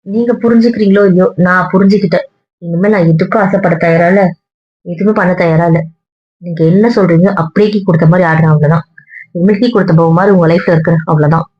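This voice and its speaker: A woman's voice: on the low side, steady tone, quick pace, breathy edge. A woman in a couple's argument vlog, talking to her partner in a hurt, weary, lecturing way. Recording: dull lo-fi sound.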